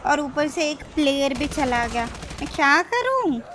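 A woman's voice: high-pitched, very animated, unhurried, background noise. A woman giving frantic commentary while playing a zombie shooter, exasperated, swearing often and pleading with her teammates. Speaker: mobile game streamer.

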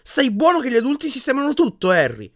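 A man's voice: medium pitch, big pitch swings, normal speed. A man voicing an angry, impatient teenage boy wizard in an audiobook, speaking in short, clipped bursts. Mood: shouting. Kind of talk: audiobook character voice.

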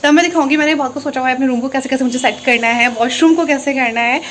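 A young woman vlogging, chatting casually and quickly to her viewers. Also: sits high, a little hiss or hum. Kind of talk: casual chat.

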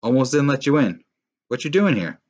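Guy reading a book doing a stern cold dad, loud and curt. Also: mid-range voice, big pitch swings, fairly quick, muffled recording, pitched above the performer's own voice. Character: stern cold father, middle-aged man.

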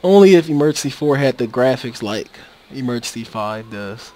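A man with a mid-range, darkish voice and lively intonation speaks at a normal pace, casually narrating his gameplay. He rambles with many fillers and restarts into a USB microphone that drops out, over a slight hiss or hum.

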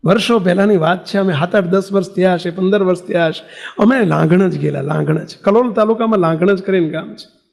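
Man with a high voice preaching, animated, telling a story. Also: a little fast, vocal fry. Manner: animated storyteller, acts out quotes, keeps asking listeners. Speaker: swami preaching. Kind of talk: devotional sermon storytelling.

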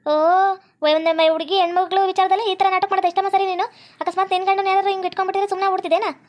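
A stern no-nonsense police officer, played by a woman, firing off threats in a very high voice. She talks fast with a North Karnataka Kannada accent and scolds without pause. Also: level tone. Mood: scolding.

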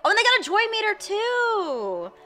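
A woman's voice: very high-pitched, wildly swooping pitch, moderate pace. A young woman hosting a game video, playful and bubbly, tripping over odd words with game music behind her. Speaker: host. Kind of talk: excited gameplay commentary.

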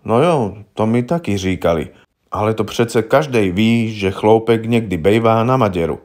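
A simple, stubborn farmer, as a male reader puts him on, talking bluntly in plain country speech. The voice sits a little low, part of an audiobook story reading. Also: darkish tone, natural voice. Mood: plainspoken. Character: simple, stubborn middle-aged male farmer accused of murder.

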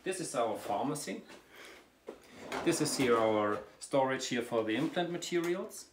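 Explaining while he walks, a male dentist shows viewers around his clinic's treatment and sterilization room. He has an expressive mid-range voice but a slow, halting manner, with frequent fillers and restarts. A camera mic a few steps away yields distant, roomy audio with clear background noise.

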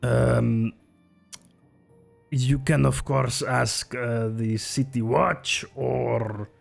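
A man playing a nervous, caring innkeeper who speaks in broken, halting English with many hesitations. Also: mid-range voice, fairly even intonation, vocal fry, faint music behind, exaggerated voice. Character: nervous caring male innkeeper from a freed people, broken grammar.

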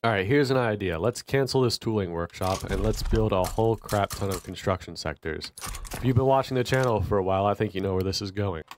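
Man, lowish voice, stuffy nasal from allergies, chatty wry game commentary. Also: fairly quick, slight background noise. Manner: chatty and wry, thinking aloud while playing. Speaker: gaming channel host. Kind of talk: casual strategy game commentary.

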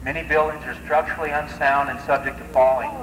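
A man's voice blasts from a public-address loudspeaker, issuing stern evacuation orders. His voice sits at a middling pitch and booms with a long, echoing tail. A heavy noise layer runs under the announcement. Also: little pitch movement, fast talker. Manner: firm, stern commands. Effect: blaring public-address loudspeaker. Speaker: sheriff's department officer. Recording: echoey loudspeaker heard outdoors, noisy.

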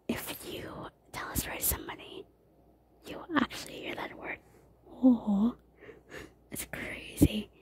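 A young woman whispering through a rambling, casual vlog, pausing often with fillers. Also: on the high side, fairly bright tone, slightly rough. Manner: rambling, halting with many fillers. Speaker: vlogger.

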